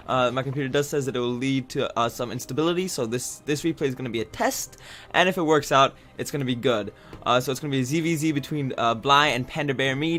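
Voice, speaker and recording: A man's voice: mid-range voice, bright, forceful tone. A man casually commenting on a video game replay, rambling and chatty, with many fillers and restarts.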